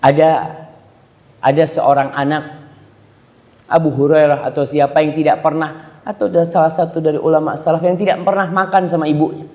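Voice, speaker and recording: Male preacher, storytelling sermon, fairly high voice, echoing hall. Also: level tone, moderate pace, long pauses. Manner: storytelling, acting out quoted voices with sharp pitch jumps; addresses the congregation directly. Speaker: Islamic preacher. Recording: roomy hall reverb.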